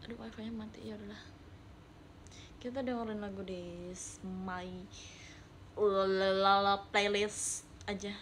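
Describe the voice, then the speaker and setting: A woman's voice: medium pitch, steady tone, measured pace, long pauses, fairly bright tone, a little hiss or hum. A young woman streaming live, chatting playfully with viewers and reading their messages, with English words mixed into her talk. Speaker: livestreamer reading viewer chat. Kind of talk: casual live-stream chat.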